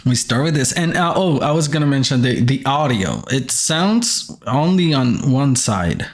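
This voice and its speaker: A man hosting casual reaction commentary on commercials, halting as he searches for words. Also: mid-range voice, big pitch swings. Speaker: host reviewing commercials.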